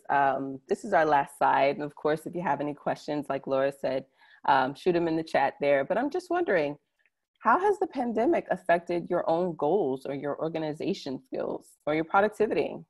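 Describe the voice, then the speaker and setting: Through a computer mic on a video call, a female conference presenter speaks casually in an online presentation, talking straight to her audience. Her voice is deep and darkish in tone, animated, at a normal speed.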